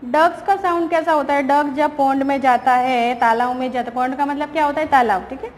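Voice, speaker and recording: Woman teacher for a recorded young-kids class, high and patient, reverberant room. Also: steady tone. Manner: patient, asks and answers her own questions; reads English lines slowly, explains in Hindi. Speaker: primary school teacher. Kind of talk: recorded online class lesson. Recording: reverberant room, faint background noise.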